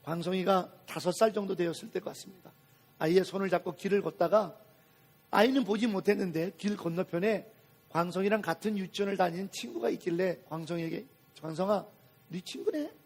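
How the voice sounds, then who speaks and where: A middle-aged man with a raspy voice, preaching a sermon as senior pastor in a church, swinging from soft to loud. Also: sits high, fairly quick. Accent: Korean. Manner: dramatic preaching with acted quotes and sudden swings in loudness. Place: church sanctuary.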